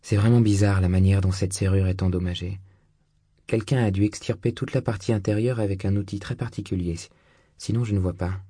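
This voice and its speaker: A man's voice: deep voice, fairly even intonation, fairly quick, warm tone, husky, dry recording, clean studio sound. A man voicing a blunt, suspicious young woman, a hunchbacked locksmith's apprentice, in an audiobook reading. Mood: prickly.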